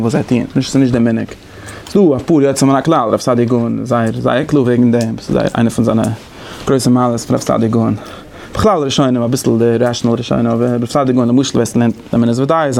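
Fast-talking male lecturer. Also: medium pitch, vocal fry, a little mellow. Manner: explains conversationally, thinking aloud. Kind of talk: lecture on interpretation methods.

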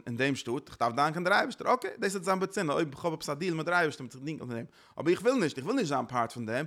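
A man's voice: fairly high pitch, a bit bright. A man giving a religious lecture as a teacher, earnestly circling back to restate his points.

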